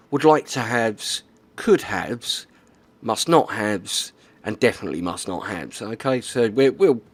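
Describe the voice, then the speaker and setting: A man's voice: mid-range voice, dry recording. A man explaining things in a casual, plainspoken monologue, often checking in with "okay?" and "right". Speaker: YouTuber.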